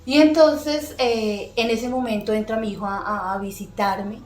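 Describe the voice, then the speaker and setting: A fairly high-voiced middle-aged woman tells a personal faith testimony as a podcast guest. She speaks earnestly and emotionally, with frequent pauses and soft fillers. The room is echoey, and faint music sits behind her. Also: steady tone.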